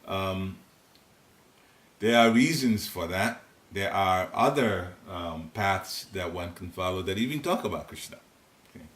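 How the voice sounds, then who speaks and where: An older man from Ghana, seated in a private living room, leads a devotional class with a low, expressive, fairly bright voice and an unhurried pace. His Ghanaian-accented informal spiritual teaching rambles along chattily, full of chuckling asides. The room recorder sits at a distance, so the recording sounds roomy and carries a faint hiss.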